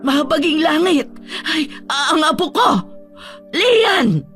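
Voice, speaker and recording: Casting: man playing a panicked, tearful old grandmother in a radio horror story, high and stammering, soft music behind. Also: moderate pace. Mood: frantic. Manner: panicked, stammering, crying pleas. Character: frantic elderly grandmother, tearful and pleading.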